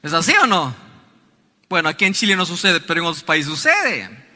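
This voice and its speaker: A male pastor preaching a sermon, his voice swinging high and low and sometimes rising to a shout. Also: big pitch swings, fairly quick. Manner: preaching with sweeping rises and falls, shouting at times. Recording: long hall reverb.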